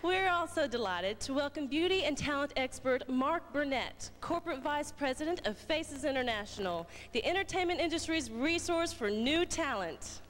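A woman's voice: high voice, animated, moderate pace, few pauses. A woman in her twenties reading scripted announcements from a stage as a pageant titleholder. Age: 20s. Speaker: pageant titleholder presenting guests. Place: large pageant theater stage. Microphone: handheld or stand microphone. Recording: echoey hall PA, noisy audience, old tape.

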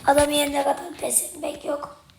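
A woman's voice: sits high, completely flat delivery, normal speed, gravelly. A young woman with a strained, partly lost voice gives casual gameplay commentary, muttering to herself in short bursts. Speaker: gaming video creator. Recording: roomy, loud noise and clicks.

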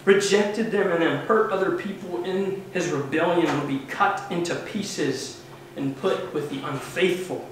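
A man's voice: a little high, a bit bright, far from the mic, slight background noise. Earnest preaching man in echoey church. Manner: earnest, emphatic preaching with swelling stresses. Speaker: pastor. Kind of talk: sermon. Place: church sanctuary, at a wooden pulpit. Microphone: far camera mic, no visible microphone. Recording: very echoey church heard from afar.

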